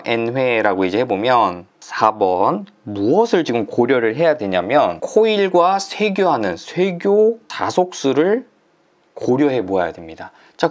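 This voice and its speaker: A man teaching an online exam-prep lecture in a chatty way, full of fillers and pauses. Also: medium pitch. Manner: chatty, uses many fillers and drawn-out "ja".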